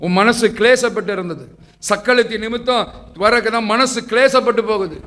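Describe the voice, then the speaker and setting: A man delivers a church sermon in a high voice. He fires rhetorical questions at the congregation and draws answers back from them. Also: moderate pace, pushed and bright. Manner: preaching with rhetorical questions and call-and-response. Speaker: pastor.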